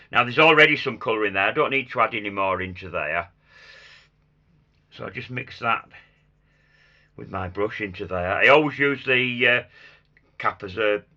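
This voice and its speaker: A man with a croaky, hoarse voice giving a casual hands-on craft demonstration, muttering small asides to himself as he works. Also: lowish voice, sharp tone, muffled recording. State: hoarse after a chest infection. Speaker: craft tutor demonstrating sugar flowers.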